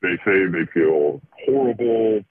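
Male caller, deep pitch-shifted voice changer, low voice, hesitant, phone-line sound. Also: animated, a crowd in the background. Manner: hesitant, halting.

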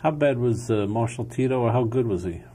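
A man's voice: mid-range voice, a little fast, warm tone. A man hosting a television studio interview, breaking in with short questions. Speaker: talk show host.

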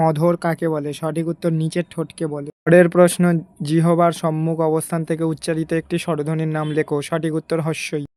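A man teaching a lesson as a quiz, reading each question and then its correct answer in a steady drilling way. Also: sits high. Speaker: coaching teacher.

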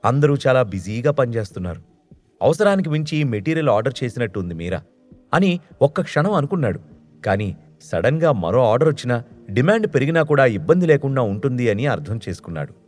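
A man narrating a scripted audio story in an expressive way. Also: mid-range voice, a little fast, soft background music.

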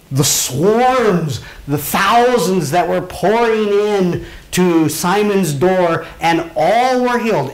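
Guy leading a bible class, chatty, keeps asking the room questions, voice sits a bit high. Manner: conversational, asks the class questions. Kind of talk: informal Bible lesson to a class.

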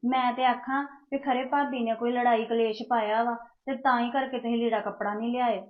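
A woman playing a timid young bride in a home-made family drama. She pleads softly and anxiously in a fairly high voice, and the sound is thin and tinny, as though heard over a phone line. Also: fairly even intonation, fairly quick, close to an everyday voice. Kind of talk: amateur family drama acting.

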